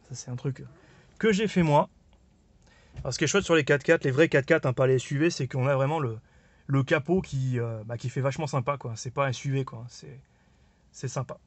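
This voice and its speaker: A man with a slightly high voice walks through his vintage four-by-four in a casual, rambling way. He talks loosely, stopping and restarting, and pads his sentences with fillers. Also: darkish tone, dry recording. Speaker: car owner presenting his vehicle. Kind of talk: casual walkaround presentation.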